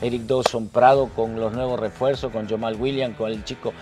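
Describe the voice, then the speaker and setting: A man with a Salvadoran accent, a football commentator on a sports talk show, retelling matches play by play with lively sound words. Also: medium pitch, normal speed, noisy background.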